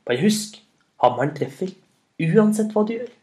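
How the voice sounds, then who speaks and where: A man voicing a big, boastful thunder god who shouts and laughs heartily in a storybook tale. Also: high voice, very animated, pitched above the performer's own voice. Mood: encouraging. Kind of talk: storybook narration.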